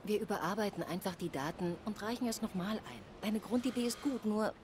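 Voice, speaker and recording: An actress playing a woman who coaxes and teases her discouraged partner in a middle-pitched voice. A little background noise hums behind her. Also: brisk, natural voice. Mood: coaxing. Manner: coaxing and teasing. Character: teasing, supportive woman scientist.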